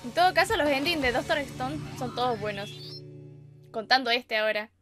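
A young woman with a Chilean accent reacting to an anime episode in casual, excitable commentary, gasping and squealing and chatting to her viewers. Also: high voice, normal speed. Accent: Chilean Spanish. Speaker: anime reaction channel host. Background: anime episode audio and music.

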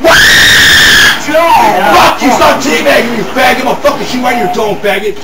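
High-pitched young man shouting angry gamer trash talk. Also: lively intonation, normal speed, vocal fry, a loud crowd. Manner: ranting, profane, explosive yelling. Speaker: video gamer. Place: dim living room at home. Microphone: handheld camera a few feet away. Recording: noisy, roomy home video from a distance.

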